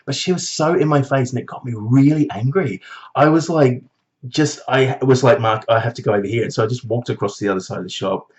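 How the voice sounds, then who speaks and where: Casting note: man, casual vlog storyteller, animated and sweary, mid pitch, slightly dull lo-fi recording. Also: brisk. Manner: animated, swearing, jumps to high mocking voices when quoting. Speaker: vlogger.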